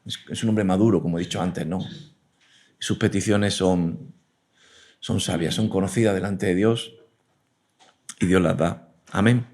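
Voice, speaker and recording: Earnest low-voiced male preacher. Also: fairly even intonation, measured pace, pauses often, a little mellow. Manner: earnest, frequent amens and restarts. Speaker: preacher and teacher. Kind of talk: sermon.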